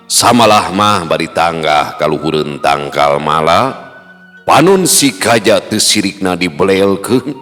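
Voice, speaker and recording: A man narrating a folk tale in a slow, rhythmic storytelling manner. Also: low-pitched, a bit bright. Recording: long reverb with faint music.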